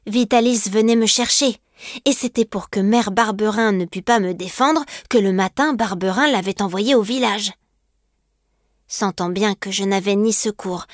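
A woman narrating a classic novel excerpt in a clear, steady storytelling voice. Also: mid-range voice, dry recording, clean studio sound. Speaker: audiobook narrator. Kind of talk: scripted narration.

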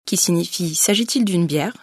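A woman's voice: on the low side, darkish tone, no echo, studio quality. Woman giving a careful pronunciation lesson. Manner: clear, methodical, slows down to model sounds. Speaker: language teacher. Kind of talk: scripted pronunciation lesson narration.

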